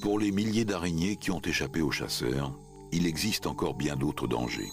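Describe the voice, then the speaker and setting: A man's voice: rumbling low, moderate pace, music in the background. A man reading scripted narration for a nature documentary.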